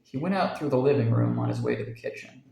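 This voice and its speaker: A man narrating a dark short story with measured, suspenseful pacing. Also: medium pitch, vocal fry, roomy sound, rough recording. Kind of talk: dramatic story reading.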